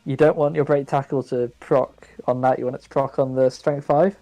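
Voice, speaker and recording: A man co-hosting a casual podcast chat over a voice call, talking quickly and chattily. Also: mid-range voice, fairly even intonation, dark tone, no echo, lo-fi sound, soft background music. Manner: quick, chatty, laughs easily. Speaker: podcast co-host. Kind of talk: casual chat about a board game.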